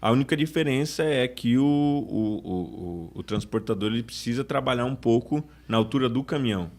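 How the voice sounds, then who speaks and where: A man's voice: medium pitch, moderate pace, darkish tone. A man, a sales manager talking casually in a podcast interview, often restarting his sentences. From Brazil. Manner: chatty, restarts sentences often, acts out customer quotes.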